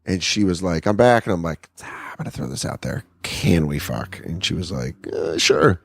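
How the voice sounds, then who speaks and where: Low, gravelly and slightly rough yet fairly bright, the man's voice is very animated at a normal speed, with no echo. A comedian in his thirties, he's a guest on a laid-back podcast from an apartment, spinning candid, profane stories and performing the quotes.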